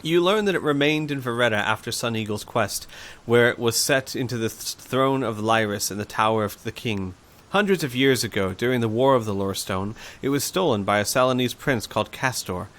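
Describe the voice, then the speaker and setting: A man's voice: medium pitch, a little fast, fairly bright tone. A man hosting a read-through of a fantasy gamebook, narrating and breaking into casual asides. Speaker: host and reader.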